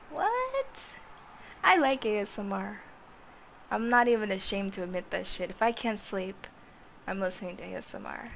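A woman's voice: medium pitch, gravelly, a bit bright, slight background noise. A woman in her twenties with a youthful, girlish voice, chatting casually with viewers on a live gaming stream and swearing freely. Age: 20s. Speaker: livestreamer.

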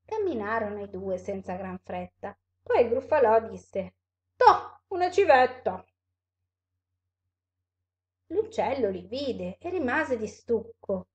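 A woman teacher reading a rhyming storybook aloud for children, in an expressive read-aloud manner, with a slightly dull recording. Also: mid-range voice, unhurried, hardly any pauses.

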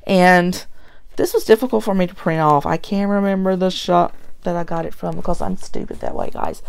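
Filmed by a tablet held above an indoor table, this middle-aged woman from the United States shows off planners in a show-and-tell vlog, talking in a relaxed, somewhat rambling way. She speaks at a moderate pace in a lowish, creaky, scratchy voice that stays clear and resonant.

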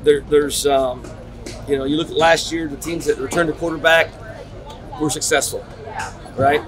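A middle-aged man, a head football coach at a postgame press conference, talking in halting, restarting sentences with many repeats. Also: a little high, fairly even intonation, rough recording. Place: concrete-walled stadium corridor. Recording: crowd chatter behind. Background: crowd noise.

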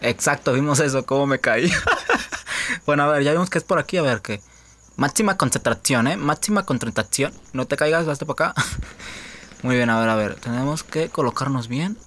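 A young man with a Mexican accent giving casual gameplay commentary, joking, swearing freely, laughing often and breaking into sudden high-pitched yelps. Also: moderate pace, a bit bright. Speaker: gaming YouTuber.

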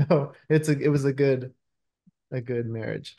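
Speaking casually from a room in his home, a man in his thirties appears as a screenwriter guest in a video-call interview. His mid-range voice is gravelly and dark, and he talks a little slowly.

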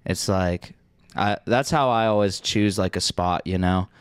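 A man's voice: low voice, unhurried, smooth, no echo, studio quality. A man co-hosting a podcast in casual, slangy banter full of swearing and anecdotes. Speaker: podcast co-host.

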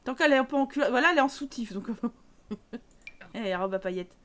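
A woman's voice: fairly high pitch, lively intonation, fast talker, heavy background noise. A woman chatting casually as she streams a life-sim game, teasing the characters and talking to them.

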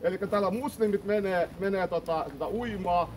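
A man's voice: high voice, darkish tone, slight background noise, rough recording. Indignant man arguing with police. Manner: insistent, indignant, demands reasons. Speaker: man filming his own confrontation with police. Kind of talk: argumentative live-streamed confrontation. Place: swimming hall entrance and grounds.

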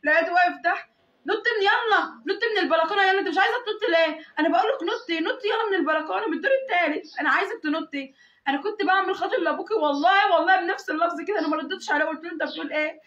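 A woman's voice: extremely high pitch, racing, a bit bright. A young woman with an Egyptian accent recounting an assault in distress, crying and pleading, swearing oaths as she speaks. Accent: Egyptian Arabic. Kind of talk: tearful testimony. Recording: echoey, muffled sound.

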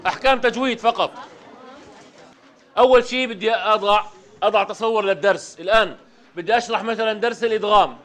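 A man teaching a Quran recitation class, asking the students quick questions in a conversational way. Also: high-pitched, a bit bright, a faint crowd.

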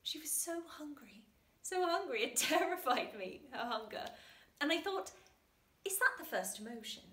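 A woman performing a dramatic stage monologue as a tragic, sorrowful young mother, emotionally intense and moving between hushed and raised delivery. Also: high voice, very animated, normal speed, exaggerated voice. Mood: shaken, intense. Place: small bare indoor room. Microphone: camera at some distance. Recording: echoey room, distant microphone.

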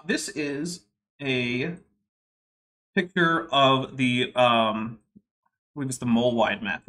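A young livestream host talks casually from home, wryly chatting and reading viewer super chats aloud. His voice is mid-range with a sharp tone.

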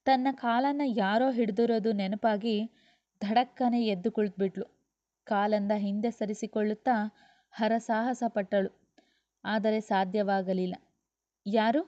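A woman narrating a serialized novel aloud in a steady storytelling manner, in a dull lo-fi recording. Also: medium pitch, unhurried, dry recording.

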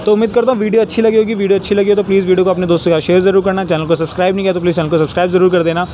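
A man's voice: sits high, steady tone, very fast, mellow. A young man in his twenties hosting a casual vlog, walking viewers through car parts step by step with some hesitation. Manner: hesitant, pointing things out step by step. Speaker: channel host explaining car mechanics. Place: outdoor garage workshop. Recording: street and vehicle noise behind.

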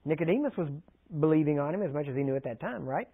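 Preacher on a tinny line. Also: male voice, on the high side, expressive, fast. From Texas. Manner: conversational, asks the audience frequent check-in questions. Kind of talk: sermon teaching. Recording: tinny phone-like archive recording.

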